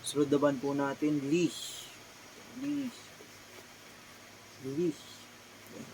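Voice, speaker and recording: A man's voice: fairly high pitch, slight background noise, poor audio. A Filipino man, a clothing seller, holds up items from his small shop one by one, repeating each brand name and size politely. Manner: slow, polite, repeats item names and sizes. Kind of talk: casual product showcase vlog.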